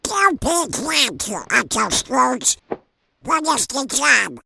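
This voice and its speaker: A woman's voice: sits high, sing-song, takes it slowly, creaky, bright, forceful tone, slight background noise, full character voice. A woman voicing a put-upon male duck uncle in a cartoon comic dub. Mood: earnest. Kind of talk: comic book fan dub.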